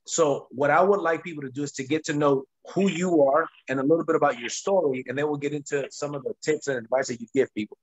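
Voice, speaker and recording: A man's voice: on the high side, fast, hardly any pauses, poor audio. A man hosting a video call interview, encouraging and speaking straight to his team. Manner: encouraging, addresses the audience directly. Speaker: host. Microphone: webcam on a video call.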